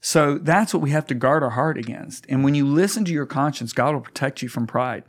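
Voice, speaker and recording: A man's voice: mid-range voice, a little fast. A man, a guest pastor, talking earnestly in a conversational interview, often stammering and restarting as he tells stories.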